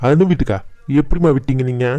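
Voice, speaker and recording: A man's voice: medium pitch, dark tone, no room sound, natural voice. A man playing a defiant young adult son who complains sarcastically in a Tamil cartoon family drama. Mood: teasing, grumbling.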